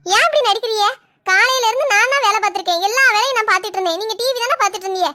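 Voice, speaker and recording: A woman playing a shrill, indignant young wife. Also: pushed and bright, a little hiss or hum. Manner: shrill, indignant, quick, sarcastic. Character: sharp-tongued young wife who feels wronged.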